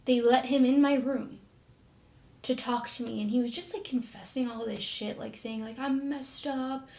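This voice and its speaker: Soft-spoken young woman with a creaky voice. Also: a little high, fairly even intonation. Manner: soft-spoken and halting, often trailing off quietly. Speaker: vlogger telling her own story. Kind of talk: personal storytelling to camera.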